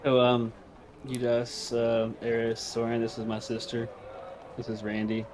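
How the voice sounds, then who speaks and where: A man's voice: medium pitch, completely flat delivery, a little slow, noisy background. A man chatting casually as a player in a tabletop role-playing game.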